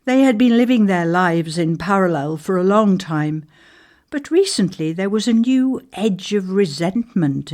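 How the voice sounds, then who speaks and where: A woman reads a ghost story aloud as scripted narration, measured and deliberate, with pauses. Her voice is lowish and a little mellow.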